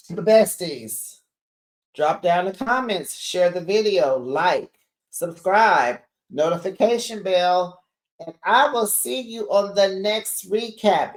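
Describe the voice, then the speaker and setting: Bay host doing a sassy slangy recap of a reality show, talking right to the viewers. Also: mid-range voice.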